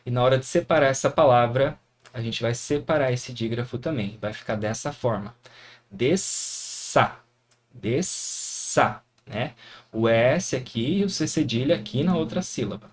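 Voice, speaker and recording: A man's voice: medium pitch, fairly quick. A man with a Brazilian Portuguese accent teaching a grammar lesson, encouraging and often checking in with his students. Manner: encouraging, frequent tag questions. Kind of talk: classroom lesson explaining grammar.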